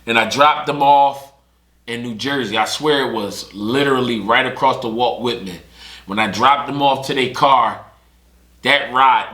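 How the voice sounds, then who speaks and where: Bright Philly guy telling stories. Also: medium pitch. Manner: animated storyteller who acts out other people's lines. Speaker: podcast host. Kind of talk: casual podcast storytelling. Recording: echoey room.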